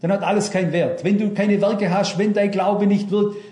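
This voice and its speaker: A man's voice: high-pitched, steady tone, normal speed, warm tone, roomy sound. An older man preaching a sermon, fervent and speaking straight to his congregation with questions.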